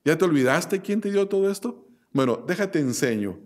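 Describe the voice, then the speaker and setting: A man preacher voicing God gently mocking a proud king in a retold scripture story. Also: high-pitched, animated, moderate pace. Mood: teasing. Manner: wry, mildly mocking. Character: amused, teasing God speaking to a king.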